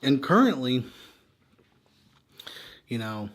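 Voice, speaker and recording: An American man talks off the cuff in a weary, burnt-out way. His voice sits at an average male pitch and tends to trail away at the ends of thoughts. He is frank and unpolished, venting like a vlogger with no script. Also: big pitch swings, takes it slowly. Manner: exhausted, weary, sighing and trailing off; frank, swearing. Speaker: vlogger venting personal frustrations. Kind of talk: candid unscripted rant.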